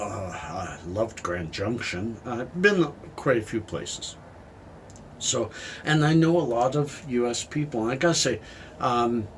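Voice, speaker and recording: A middle-aged man from Canada, slightly out of breath after a cold walk, talks casually and warmly to his viewers, rambling from one thought to the next. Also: on the low side, a little hiss or hum, poor audio. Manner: rambling, heartfelt, addresses viewers as friends. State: a little out of breath. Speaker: vlogger. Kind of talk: casual talk to camera. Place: outdoors in the cold.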